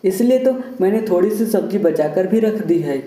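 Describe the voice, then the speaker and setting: A man voicing a gentle pleading young wife. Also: high voice, lively intonation, normal speed. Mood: hopeful. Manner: soft, pleading. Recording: roomy echo.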